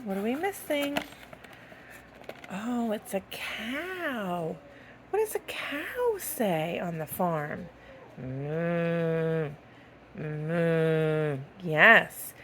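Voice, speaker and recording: A woman's mid-range, slightly bright voice comes through with a little hiss or hum. She presents a children's educational video, chatting simply to toddlers about toys as if reading to them and asking playful, sing-song questions.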